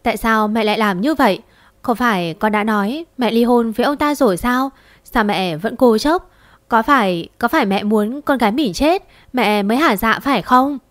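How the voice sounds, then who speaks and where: A woman's voice: on the high side, expressive, normal speed, lightly acted. A woman voicing an anguished grown daughter who presses her mother with urgent, reproachful questions, in an audio story.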